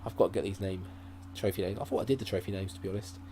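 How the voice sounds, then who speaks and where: A man with a low, mellow voice talks rapid-fire on his gaming channel, delivering casual let's-play commentary that rambles as he thinks aloud, stumbling through fillers and restarts. He uses a desk mic at his laptop, with a faint hum from the machine in the background.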